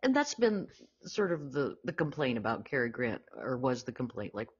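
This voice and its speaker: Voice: mid-range voice, big pitch swings, moderate pace, breathy edge. A podcast co-host casually discussing a classic film, often quoting lines and laughing. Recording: dull lo-fi audio.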